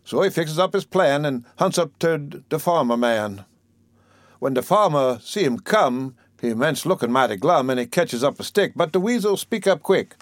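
A man's voice: on the high side, animated, normal speed, no room sound, close to an everyday voice. An old storyteller , as a man recites him, spins a yarn for a fidgety child in a folksy drawl. He scolds fondly and keeps the tale rolling. The sound is dry and close. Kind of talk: dialect poem recitation.

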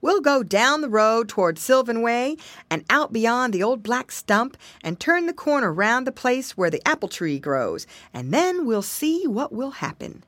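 A woman's voice: fairly high pitch, very animated, measured pace, fairly bright tone, dry recording, voice pushed up. A woman doing a chirpy little pig boy. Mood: cheerful. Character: cheerful little boy pig, older brother.

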